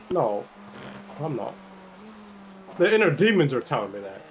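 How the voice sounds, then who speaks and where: A man's voice: mid-range voice, big pitch swings, a little slow. A man in casual voice-chat banter, joking and chatting as he drives a sim race. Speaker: sim racing driver streaming a team endurance race. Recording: noisy game-audio background.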